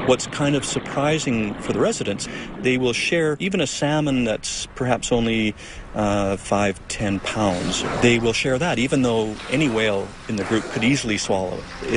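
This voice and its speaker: A man's voice: fairly low pitch, noisy background. A man speaking as an expert, explaining things in a nature documentary interview. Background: prominent music.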